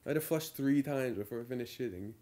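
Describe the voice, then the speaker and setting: A man's voice: mid-range voice, quick pace, mellow. A man acting in comedy outtakes, swearing freely as he repeats and restarts the same line in different takes. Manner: profane, repeats and restarts lines. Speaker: actor recording comedy outtakes.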